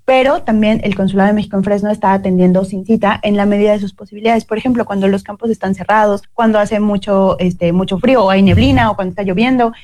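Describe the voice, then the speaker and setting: Mexican woman official, rapid and explanatory, interview guest. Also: medium pitch, fairly even intonation, a little mellow. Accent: Mexican Spanish. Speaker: consul.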